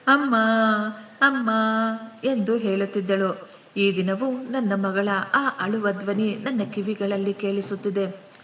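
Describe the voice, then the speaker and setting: A woman narrating a family story in the first person, in an earnest, emotional way. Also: mid-range voice. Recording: roomy, distant mic with faint hiss.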